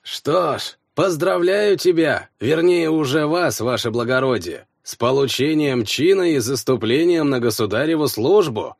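Old half-elf elder woman, man reading, scratchy and solemn, slow, dry close audiobook voice. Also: on the high side, no room sound, voice pushed up. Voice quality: scratchy, creaking voice.

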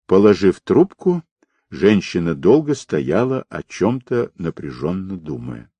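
Deep-voiced man narrating an audiobook. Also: very animated, unhurried, vocal fry, mellow, slightly rough, no room sound, muffled recording.

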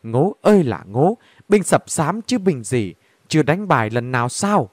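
A man's voice: on the high side, very animated, normal speed, dry recording, clean studio sound. A man voicing a brash, scornful young woman in a bar, talking in a coarse, mocking way.

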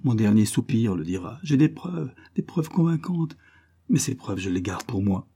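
A man's voice: medium pitch, big pitch swings, normal speed, dark tone, slightly rough. A man voicing a passionate young woman in an audiobook, given to pleading, sobbing outbursts. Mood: distraught, vehement.

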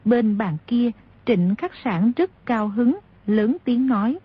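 A woman narrating a martial-arts novel in a steady storytelling voice. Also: a little high, slow pace, husky. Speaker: audiobook narrator. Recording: dull lo-fi audio.

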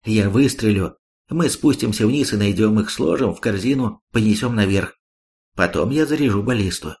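A man reading the lines of a concussed young male fighter who speaks calmly and literally, as if detached. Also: fairly low pitch, moderate pace, lightly acted.

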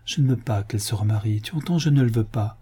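A man voicing a dying young naval officer, fierce and jealous, speaking urgently and higher than his own voice. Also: fast talker, warm tone, breathy edge. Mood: pleading.

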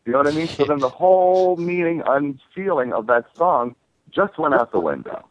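Animated announcer-like man on a phone-like line. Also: on the high side, moderate pace. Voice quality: clear diction, announcer-like voice. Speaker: singer being interviewed. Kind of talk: conversational interview.

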